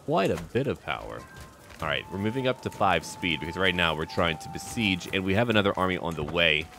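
A deep-voiced man hosting a gaming video roleplays through a strategy game, musing aloud in short, clipped remarks with expressive, lively intonation. He talks a little fast in a sharp tone, with faint music underneath.

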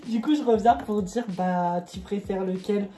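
A man's voice: high voice, moderate pace, dark tone. A man chatting casually off to the side, cutting in to explain things. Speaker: vlogger's boyfriend. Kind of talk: casual chat.

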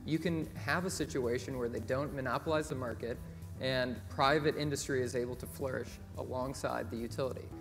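A young man, a former ratepayer advocate, explaining his view in a measured way during an onstage panel debate, correcting himself now and then. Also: medium pitch, fairly even intonation, creaky. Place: conference stage, seated in an armchair. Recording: reverberant hall audio with music.

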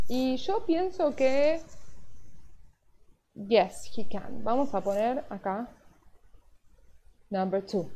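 A woman whose voice is slightly high and warm teaches English online, going back and forth between English and Spanish. Patient and methodical, she checks in often with "yes?" as she explains. The class audio comes through a video call and sounds dull and lo-fi.

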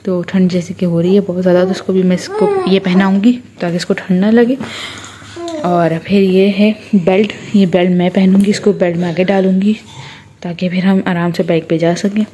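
A woman's voice: medium pitch, fairly even intonation, a little fast, a crowd in the background. Chatty young Pakistani mother vlogging at home. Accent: Pakistani Urdu. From Pakistan, Karachi. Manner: chatty, addresses viewers directly, shows items one by one. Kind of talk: casual vlog narration.

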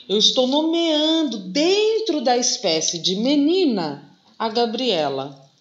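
A Brazilian woman teaches a grammar lesson in a patient, step-by-step way, often pausing to check that her listeners follow. Her voice echoes around the room. The sound is a little dull. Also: fairly high pitch, big pitch swings. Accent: Brazilian Portuguese. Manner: patient, explains slowly with many "tá?" and "né?" checks. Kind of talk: classroom lesson video.

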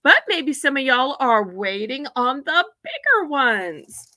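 A woman's voice: high-pitched, sing-song, takes it slowly, sharp tone. A woman hosting a live online auction from home, chatty and folksy as she counts out items for bidders.

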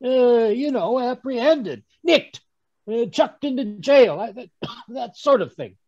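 A man's voice: extremely high pitch, animated, slow, darkish tone, no echo, heavily acted. A man playing a testy, elderly English doctor who stammers and fusses as he reminisces in a radio drama. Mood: reminiscing. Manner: stammering, blustering, fussy. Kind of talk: 1930s radio drama acting. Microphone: video call. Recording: dull lo-fi video call audio.

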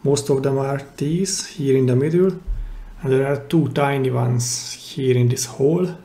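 This DIY repair host has a warm, creaky, mid-range voice as he guides viewers through a repair at his workbench one step at a time. He speaks in plain, careful phrases, often stopping partway through a sentence, and the indoor recording is roomy with noticeable echo.

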